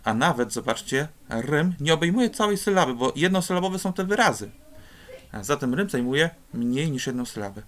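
A man's voice: on the high side, very animated, normal speed, a bit bright. A man teaching a lesson on rhymes, explaining step by step in a patient way with occasional hesitations. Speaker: Polish teacher.

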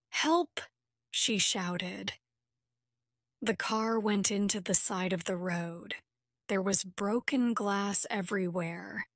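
Slow, careful woman narrator. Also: medium pitch, no echo, clean studio sound. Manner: slow, clear, careful reading. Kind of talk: graded-reader story narration.

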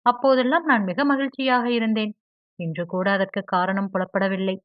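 A hurt, proud young woman from a storybook reading, as a woman reads her. She speaks earnestly at a middle pitch. The sound is dry and a little dull. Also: fairly even intonation, moderate pace, no room sound, natural voice. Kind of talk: audiobook character dialogue. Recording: dry, slightly dull audio.

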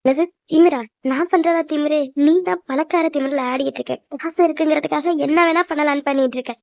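A woman plays a fiery young heroine in a cartoon drama who talks back in a sharp, accusing way. Her voice sits high and the words rush out fast, with a dry sound. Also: fairly even intonation, vocal fry, dry recording. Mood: indignant. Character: young woman, defiant and outspoken. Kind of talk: cartoon voice acting.

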